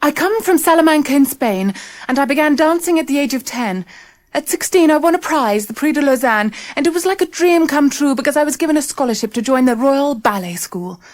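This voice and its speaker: A woman's voice: high voice, animated, a little fast. A woman playing a hopeful young dancer. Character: young female ballet student, hopeful. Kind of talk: scripted exam monologue.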